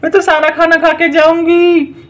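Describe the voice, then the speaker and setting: A man voicing a greedy, whiny female witch in a toy-doll story, in a shrill, wailing, stubborn voice. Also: little pitch movement, moderate pace.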